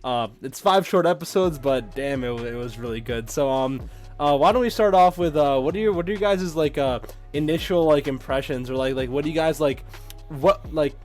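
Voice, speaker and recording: Young man, podcast host, casual rambling chat, slightly high voice. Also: normal speed, soft background music. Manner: rambling, many fillers, laughs often.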